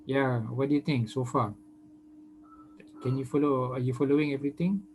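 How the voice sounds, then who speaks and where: A man's voice: mid-range voice, fairly even intonation, moderate pace, a little mellow, slight background noise, low-quality recording. A male university lecturer giving an online lecture on a video call, hesitant with many fillers, who is losing his voice.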